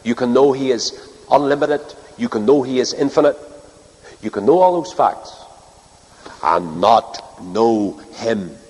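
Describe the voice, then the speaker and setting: Northern Irish preacher in a reverberant hall. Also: male voice, medium pitch, warm tone, slightly rough. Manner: earnest, rhetorical repetition and dramatic pauses. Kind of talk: sermon to a congregation. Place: large hall or church, speaking to a live audience. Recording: long reverb of a large hall.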